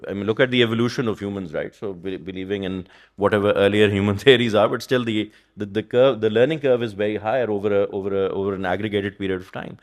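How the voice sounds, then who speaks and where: This Pakistani economist, taking part in a panel discussion on a conference stage, talks quickly in a lowish, steady voice. His style is thoughtful and meandering, peppered with "you know" and frequent checks of "right?".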